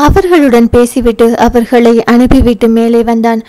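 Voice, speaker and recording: A woman reading a romance audio novel aloud in a measured, even storytelling manner. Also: a little high, rough recording. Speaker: audiobook narrator. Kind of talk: scripted novel narration.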